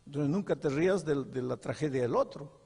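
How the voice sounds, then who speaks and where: Gravelly high-pitched older preacher in a hall. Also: male voice, a little fast, darkish tone. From Peru. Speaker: pastor. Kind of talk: sermon.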